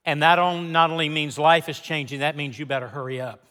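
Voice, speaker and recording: A male pastor delivers a sermon in a bright, forceful, high-set voice. He speaks emphatically, repeating key phrases with deliberate dramatic pauses and moving between hushed lines and loud declarations. The sound carries the long reverb of a large sanctuary. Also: level tone. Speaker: pastor preaching to a congregation.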